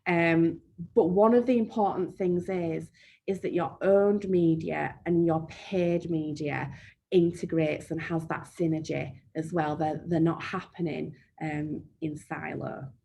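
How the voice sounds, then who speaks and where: A woman's voice: low-pitched, steady tone, measured pace, gravelly, mellow, slightly rough. A woman with a broad Yorkshire accent presenting a live marketing webinar and answering questions in a chatty, down-to-earth way, with frequent "um" fillers. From Yorkshire, England. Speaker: marketing trainer.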